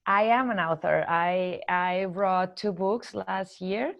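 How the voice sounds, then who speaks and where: Gravelly, low-voiced woman with a Colombian accent. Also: no room sound, lo-fi sound. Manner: earnest, listing ideas in measured steps. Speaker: guest, corporate trainer and coach. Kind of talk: podcast interview answers.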